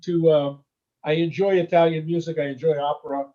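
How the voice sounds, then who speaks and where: Speaking fairly quickly in a steady tone, a man from the US rambles warmly during a casual interview. His pitch is fairly high, he adds "okay?" and "you know?" to his sentences, and the sound is lo-fi.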